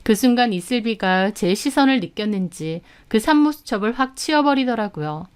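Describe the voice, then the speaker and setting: A woman's voice: a little high, animated, normal speed, clear, resonant tone. A woman narrating a first-person drama story in an indignant, dramatic tone.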